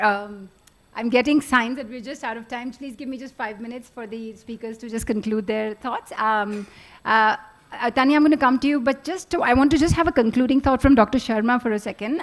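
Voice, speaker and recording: A woman moderating a conference panel, polite and hesitant with many fillers. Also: a little high.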